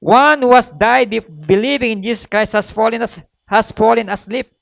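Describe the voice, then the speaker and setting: A man preaching a sermon, mixing in English, reading verses slowly and adding frequent tag questions and hesitations. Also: extremely high pitch, creaky, a bit bright, no echo. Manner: switches between Tagalog and English, reads Bible verses slowly. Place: church.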